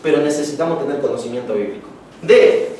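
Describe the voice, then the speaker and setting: In a casual homiletics lecture, a man chats and jokes with the class, acting out little anecdotes. He has a medium-pitched, warm voice and talks fast. Picked up from far off in an echoey room, the audio carries a little hiss or hum.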